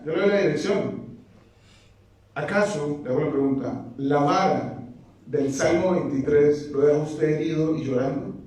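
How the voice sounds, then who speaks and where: A pastor with a slightly high, slightly mellow voice preaches to a congregation, firing off rhetorical questions and dropping joking asides. The mic is far away in a very echoey hall.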